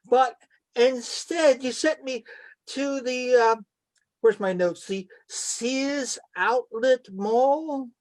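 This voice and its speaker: A woman's voice: high-pitched, a little mellow. A woman playing a hesitant, politely disgruntled customer on an improvised comedy phone call. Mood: hesitant complaining. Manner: halting, mock-polite complaining.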